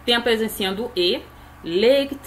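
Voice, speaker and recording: A woman explaining German grammar tables, ending each point with a quick tag question. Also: mid-range voice, expressive, pushed and bright, slight background noise. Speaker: German teacher.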